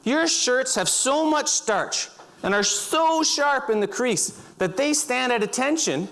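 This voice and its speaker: A middle-aged man telling vivid second-person stories on a stage, breaking into loud shouts. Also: very high voice, expressive, takes it slowly. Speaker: speaker. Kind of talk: storytelling talk. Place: auditorium stage.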